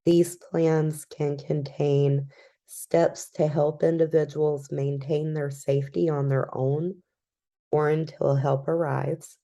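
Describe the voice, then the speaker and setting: In a recorded educational talk, a low-voiced woman presents calmly and at a measured pace, with frequent "um" fillers.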